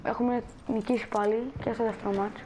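A woman's voice: on the high side, fairly even intonation, noisy background. A woman giving casual gameplay commentary as a channel host, chatting and talking viewers through her moves.

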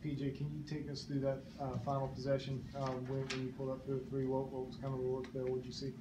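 Male reporter, hesitant questions, flat tone, echoey noisy room. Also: mid-range voice, fast talker. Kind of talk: press conference question.

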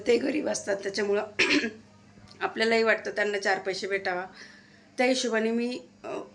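High-voiced woman, indignant storytelling vlog. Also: fairly bright tone. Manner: indignant, vents about a quarrel, mixes in quoted Hindi. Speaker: vlogger. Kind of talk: casual storytelling to camera.

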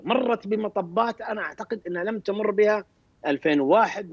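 Man, military commentator on a talk show, rapid, hesitant with restarts; somewhat high voice over a dull, dry remote link. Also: no echo. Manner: hesitant, many restarts and throat clearing. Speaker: military expert guest.

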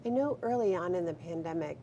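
Middle-aged woman interviewer, gravelly and dark-toned; attentive, affirming. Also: lowish voice, lively intonation, quick pace, lo-fi sound. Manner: attentive, frequent affirming murmurs. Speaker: health system CEO, interviewer. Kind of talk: live video Q&A interviewer. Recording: faint background noise.

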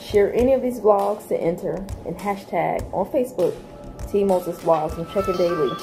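A woman's voice: medium pitch, normal speed. A chatty woman, talking casually to viewers in a home vlog. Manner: chatty, repeats you guys. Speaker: vlog host. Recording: faint music behind.

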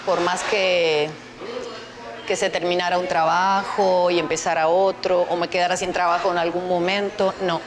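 Her voice sits fairly low and runs at a normal speed as this fifty-something Uruguayan guest, with her Uruguayan Spanish accent, talks casually on a TV interview. Wearing a lapel mic in front of a stone studio backdrop, she's animated, quick to laugh and expressive with her hands, with a crowd audible behind her.

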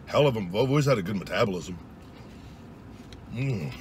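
Man talking while chewing, low voice. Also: very animated, normal speed, background noise. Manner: loose and joking, low-key asides. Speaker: food reviewer. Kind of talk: casual vlog monologue. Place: parked truck.

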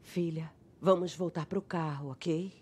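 Very husky, lower Brazilian mother in a dubbed drama, soft and begging. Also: fairly even intonation. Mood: pleading. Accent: Brazilian Portuguese. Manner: soft, slow pleading. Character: worried middle-aged mother begging her daughter.

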